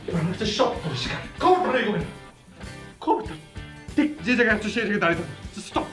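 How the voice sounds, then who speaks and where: A fussy young husband terrified of germs. His voice sits a little high and pleads nervously, like a TV drama scene with music playing faintly underneath. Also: rapid-fire. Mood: panicked. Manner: panicky, then softly pleading. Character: fussy germ-fearing young husband, anxious. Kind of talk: TV drama acting.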